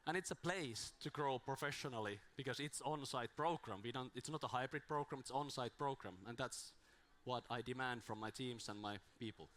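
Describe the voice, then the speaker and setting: With a faint hiss or hum on the recording, a man talks briskly with few pauses into a handheld mic at a small conference, his middle-pitched voice fairly bright but strained after days of speaking. The informal talk wanders, with restarts and wry self-mockery.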